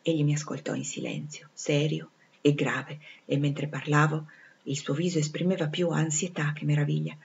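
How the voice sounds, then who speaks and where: A woman's voice: low voice, expressive, normal speed, vocal fry, a little hiss or hum. A woman reading a classic novel aloud with drama, dropping almost to a whisper at tense moments. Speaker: audiobook reader. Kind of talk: expressive literary reading. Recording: slightly dull lo-fi recording.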